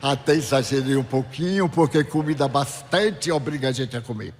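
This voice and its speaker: A man with a Bahian Brazilian accent giving a spiritual lecture, telling a personal story with dramatic swings in voice. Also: moderate pace. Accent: Brazilian Portuguese, Bahian. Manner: dramatic storyteller with big swings in pitch and loudness. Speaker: spiritist speaker. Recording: long reverb of a hall.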